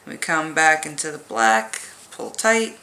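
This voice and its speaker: A woman with a fairly low, very bright voice chats casually through a hands-on craft tutorial. Her S sounds are sharp and her nose whistles faintly. She is jokey and self-deprecating as she explains. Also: big pitch swings, unhurried. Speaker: crochet tutorial host.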